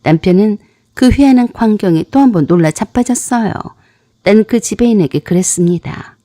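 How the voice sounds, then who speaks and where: A woman's voice: mid-range voice, lively intonation, moderate pace, dark tone, no echo, studio quality. A woman narrating a dramatic personal story in a blunt, tough-talking manner.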